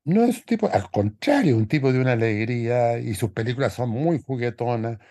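A man's voice: medium pitch, expressive, brisk, dark tone, no room sound, studio quality. A man, co-hosting a podcast and talking through a film in a loose, thoughtful way with many restarts. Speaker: podcast co-host. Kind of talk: casual film discussion.

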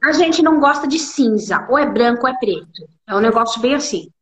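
A woman in her forties, a clinical nutritionist, tells her story in an interview conversation and acts out the dialogue she quotes. Her slightly high voice is animated, brisk, and a bit bright.

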